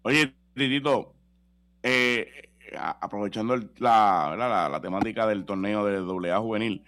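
A man's voice: fairly low pitch, a little slow, fairly bright tone, no room sound. Man, radio co-host, conversational, repeats for emphasis, dry sound. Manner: conversational, repetitive, prompting. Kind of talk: casual sports talk.

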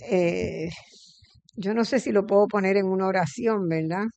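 A middle-aged woman hosting an interview, thinking aloud in a reflective way with frequent pauses and fillers. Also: mid-range voice, vocal fry, a little mellow, dry recording. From Puerto Rico. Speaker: interview host. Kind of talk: conversational interview.

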